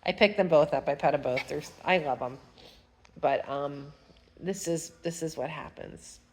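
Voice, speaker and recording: In a low-quality recording, a woman whose voice sits low speaks a little slowly through a stuffy nose. She's a fiber arts vlogger at home, chatting and rambling during a casual knitting tutorial and humming to herself as she works.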